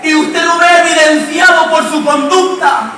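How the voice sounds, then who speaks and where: A man from Honduras preaching a shouted sermon in church with a Honduran accent, calling out "beloved brothers" between phrases and dropping to hushed asides. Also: very high voice, fairly even intonation, a little slow, slight background noise. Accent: Honduran Spanish. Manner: repeats "hermanos amados" between every phrase. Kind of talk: shouted Pentecostal-style sermon. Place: church hall. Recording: echoey church from a distance.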